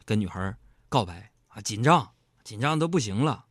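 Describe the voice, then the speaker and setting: A man doing a stand-up comedy monologue. He talks to the audience in an animated, mock-indignant way. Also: lowish voice, normal speed, breathy edge, no echo, clean studio sound.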